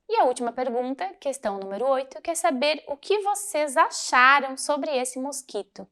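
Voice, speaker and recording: A woman with a high-pitched voice teaches a recorded lesson, going through a workbook. She speaks clearly and patiently, taking her time over each explanation. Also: a bit bright. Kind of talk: recorded class walkthrough.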